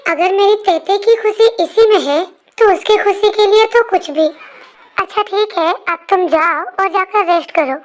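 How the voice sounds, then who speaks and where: A very high voice doing a gentle doting father. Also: a little slow. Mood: coaxing. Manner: gentle, coaxing. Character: soft-hearted indulgent father. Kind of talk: amateur fan dub voice-over.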